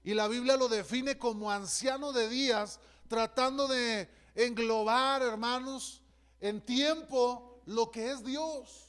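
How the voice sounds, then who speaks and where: A man preaching a sermon in a notably high, smooth and resonant voice. He speaks with fervent conviction and keeps addressing the congregation directly as brother. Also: slow, a bit bright. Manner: fervent preaching, often calls out "hermano". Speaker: pastor.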